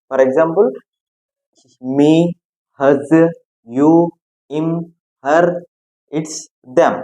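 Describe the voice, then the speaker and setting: Man explaining grammar in a higher voice. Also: a little mellow, poor audio. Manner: explains a definition, checking in with the class. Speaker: teacher. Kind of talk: exam-prep grammar lesson.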